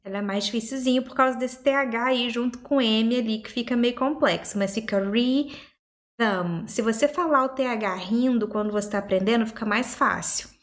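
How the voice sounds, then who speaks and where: A young woman, a native Portuguese speaker, teaching English pronunciation step by step and repeating words slowly. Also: a little high. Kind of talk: pronunciation lesson.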